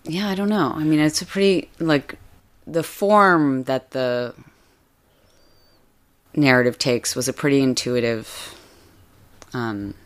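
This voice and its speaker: A woman with an unusually low-pitched voice talks through an interview at her own pace. She hesitates a lot, trails off and restarts her thoughts, leaning on "you know" and "um" as she goes. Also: takes it slowly, pauses often. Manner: hesitant, many fillers and restarts. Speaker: author guest. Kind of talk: casual interview chat.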